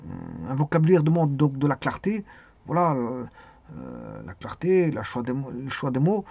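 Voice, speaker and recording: A man giving a spoken lesson on speaking skills, hesitant, with many pauses and repeated words. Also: medium pitch, wildly swooping pitch, gravelly, a little mellow, slightly rough. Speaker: teacher. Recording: dull lo-fi sound.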